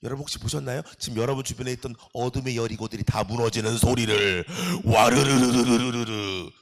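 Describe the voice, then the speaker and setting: A middle-aged male pastor preaching a sermon, animated and joking, calling out to the congregation. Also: medium pitch, fast.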